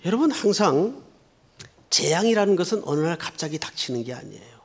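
Animated male preacher telling stories. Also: high-pitched, brisk, slightly rough. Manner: storytelling, animated and earnest. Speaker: pastor. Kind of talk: sermon.

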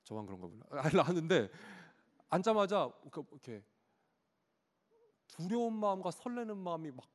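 A man in his thirties preaching a sermon, telling a personal story about his child in an animated way and acting out the child's cries. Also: fairly high pitch, brisk, long pauses. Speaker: pastor. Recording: long hall reverb.

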